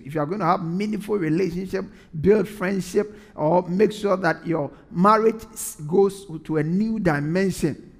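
A man's voice: high voice, darkish tone, big-room sound. A man preaching a sermon in an earnest way, repeating phrases for emphasis.

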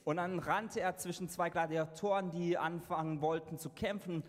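A man interpreting a sermon live into German, halting and correcting himself as he goes. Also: a little high, fairly even intonation. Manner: halting, with fillers and self-corrections. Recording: reverberant hall sound.

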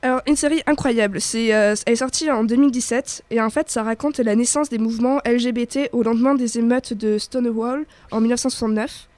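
A young woman with a fairly high voice chats on local radio, full of fillers and self-corrections. The studio sound is dry and close, with no room around her. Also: fairly even intonation, quick pace, few pauses, a little mellow, dry recording. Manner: chatty, many fillers and restarts. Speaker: radio guest presenting TV series. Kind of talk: casual radio chat. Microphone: studio microphone.

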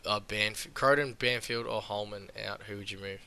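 A man's voice: fairly low pitch, fairly even intonation, normal speed, bright, forceful tone. An Australian man hosting a casual sports podcast, reading out questions and chatting. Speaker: podcast host. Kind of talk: casual fantasy football podcast chat.

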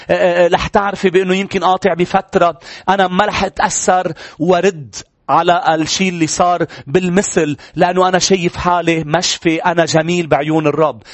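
A male pastor with a Lebanese Arabic accent preaches in a high, bright voice. He talks in earnest and presses his points through repeated phrases. The sound is close and dry, with no room echo. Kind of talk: sermon.

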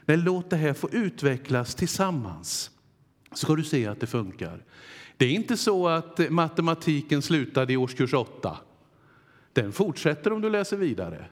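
A man preaching a sermon in earnest, with dramatic pauses, voicing God's words to his listeners. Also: fairly high pitch, big pitch swings. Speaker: pastor. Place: church hall. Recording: long hall reverb.

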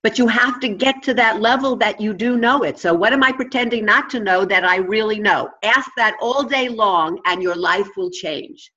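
A woman with a New York accent speaks in a bright, forceful voice, coaching in a conversational interview style. She is emphatic and instructive, and the audio is slightly dull. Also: mid-range voice, moderate pace, few pauses. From New York, United States. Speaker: interview guest, consciousness coach and teacher. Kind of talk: conversational advice-giving interview talk.

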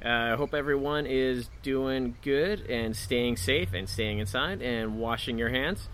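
Dude doing a solo podcast, chatty n kinda halting, bright forward voice, slight noise behind him. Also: male voice, medium pitch. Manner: informal, chatty, hesitant phrasing. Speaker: podcast host. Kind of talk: casual solo podcast talk.

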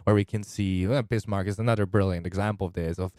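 A man's voice: low voice, fairly even intonation, quick pace, a little mellow, no echo, studio quality. A man co-hosting a podcast, giving opinions with joking asides in casual talk. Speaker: podcast co-host. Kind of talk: casual discussion.

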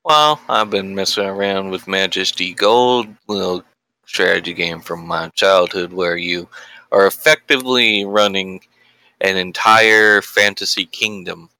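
A man's voice: low voice, unhurried, bright, forceful tone, no echo, poor audio. A man chatting casually on a podcast as a co-host, explaining things in a wordy way.

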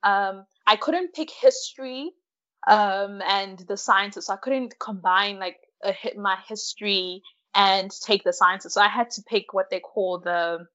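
A science postgraduate student in her twenties, originally from Malawi and raised in South Africa from about age six, chats casually and self-deprecatingly as an interview guest with a South African accent. Her mid-range, fairly bright voice moves at a measured pace, and the recording's highs are cut off.

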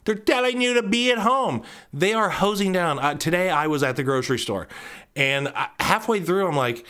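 A man hosting a solo podcast in a casual, rambling monologue, swearing freely and jumping into sudden high squeaky outbursts. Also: lively intonation, moderate pace, bright, forceful tone. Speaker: podcast host.

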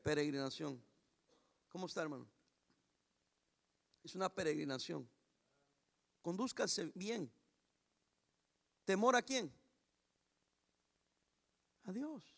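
A male pastor preaching with a high, gravelly voice. He talks emphatically, often raising his voice, and slows right down to read scripture word by word. The delivery is a full sermon. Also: lively intonation, a bit bright.

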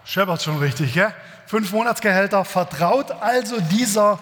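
A man's voice: high voice, normal speed, heavy background noise. A man preaching a sermon, reading Scripture and explaining it in a casual, joking way with many fillers. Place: church. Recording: echoey church hall.

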